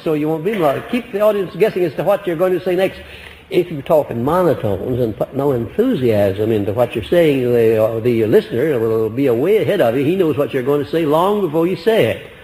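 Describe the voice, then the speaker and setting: A man giving a motivational lecture to a live audience, folksy and emphatic, deliberately swinging his voice up and down. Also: a little high, a little mellow, long reverb tail, rough recording. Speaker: motivational speaker.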